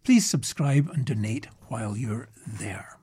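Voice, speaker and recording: A man's voice: mid-range voice, expressive, measured pace, mellow, breathy edge. A man radio announcer reading a scripted wrap-up with event details and web addresses.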